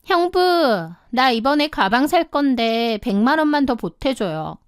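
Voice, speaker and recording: A woman's voice: high voice, sing-song, a little slow, clean tone, no echo, studio quality. A woman voicing a spoiled younger sister in her thirties, mocking and contemptuous. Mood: blackmailing.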